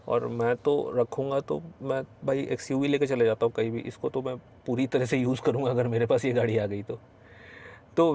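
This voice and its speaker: A man's voice: mid-range voice, a little mellow. A man hosting a casual car review, talking with the owner from inside a moving car. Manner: chatty, friendly, addresses viewers as bhai. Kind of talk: casual ride-along chat.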